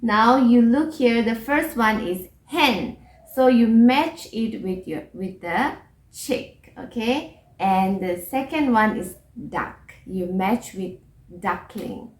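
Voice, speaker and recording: Woman teacher, kids' English lesson. Slow, patient, repeats words, keeps asking "okay?". Echoey room. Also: a little high, expressive.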